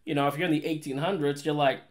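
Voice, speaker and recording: A young man from the Boston area hosting a podcast interview, relaxed and joking, often laughing and calling his guest man or bro. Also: fairly high pitch, very fast. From Mattapan, Boston area. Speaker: podcast host. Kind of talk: casual interview chat.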